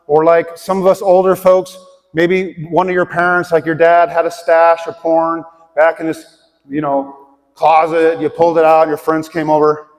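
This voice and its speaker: A middle-aged pastor with a fairly high, monotone voice preaches at a moderate pace, delivering a conversational sermon in a large church auditorium. He puts direct questions to the congregation, and the recording carries a long hall reverb.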